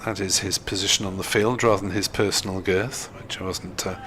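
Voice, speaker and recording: A man giving live cricket commentary in a measured, hesitant, dryly humorous manner. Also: sits low, fairly even intonation, fairly bright tone, slight background noise.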